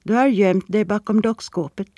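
A narrator playing a furious, trembling young man in a storybook, tense and shouting. The voice sits close on a dry studio mic. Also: medium pitch, dry recording, lightly acted. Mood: menacing.

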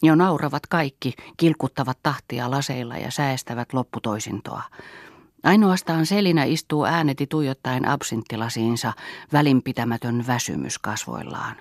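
A man narrating a novel as an audiobook in measured literary tones. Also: mid-range voice, lively intonation, no room sound, clean studio sound.

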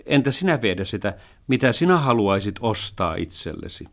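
A man's voice: on the low side, very animated. A man voicing a cheerful, earnest young boy in a storybook reading. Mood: friendly.

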